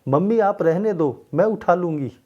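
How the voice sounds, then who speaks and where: A man's voice: high voice, animated, moderate pace, highs cut off. A man voicing a shy young daughter-in-law who answers timidly, in a storybook tale. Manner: flustered and shy.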